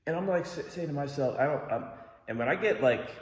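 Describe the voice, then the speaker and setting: A man's voice: a little high, expressive, a little fast. A man telling a story in a casual vlog, rambling and swearing with an exasperated tone. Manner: rambling, profane, exasperated retelling. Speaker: vlogger. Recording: echoey room with long reverb.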